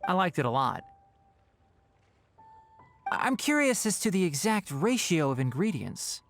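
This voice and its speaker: A man's voice: sits high, big pitch swings, unhurried, gravelly, faint music behind, full character voice. A man playing a thoughtful young scholar in a video game, polite and explanatory. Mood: curious. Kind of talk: animated video game voice acting.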